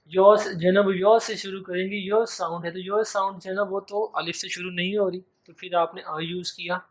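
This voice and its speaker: A Pakistani English teacher with a high, slightly bright voice delivers an exam-prep grammar lecture. He repeats key phrases and stretches out his example words.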